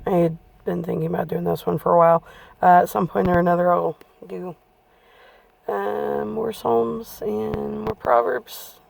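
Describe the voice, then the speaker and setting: A woman reads scripture aloud while getting over a cold, her voice heavy with gravel and fry. She talks casually and plainly before settling into a steady, unhurried reading. She sounds set back from the mic. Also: on the low side, no room sound, recorded from a distance, low-quality recording. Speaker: Bible reader.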